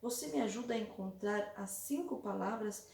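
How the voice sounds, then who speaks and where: A woman's voice: mid-range voice, normal speed, creaky, darkish tone, far from the mic, close to an everyday voice. A woman reading aloud as a cheerful little cartoon girl who loves eating, in a friendly storybook way for children. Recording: echoey room, voice set back from mic.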